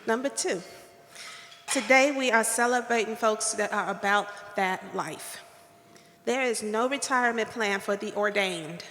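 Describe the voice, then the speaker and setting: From a podium microphone in a hotel ballroom, a keynote speaker with a light, girlish voice gives a playful, preacherly awards-dinner address that draws call and response. Her mid-range voice is bright and forceful at a measured pace, with slight background noise and echoing reverb.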